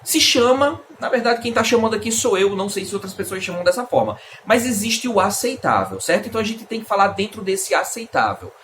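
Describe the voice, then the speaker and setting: A man's voice: sits high, sing-song, a little fast, few pauses, fairly bright tone, slight background noise. A Brazilian man, an English teacher, explaining in a casual video lesson and answering his own questions. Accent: Brazilian Portuguese.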